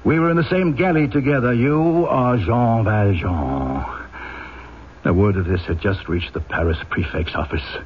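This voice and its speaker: A man acts a severe, honour-bound French police inspector in an old-time radio play. His delivery is formal and deliberate, with emphatic self-accusation. The vintage recording is dull and clearly noisy. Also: lowish voice, close to an everyday voice. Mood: grave, reporting. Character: stern, rigidly honourable French police inspector confessing a fault.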